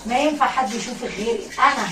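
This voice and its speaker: A woman with an Egyptian accent voicing a possessive male jinn king who speaks in a low, pressing murmur. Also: quick pace, roomy sound, recorded from a distance, background noise, natural voice.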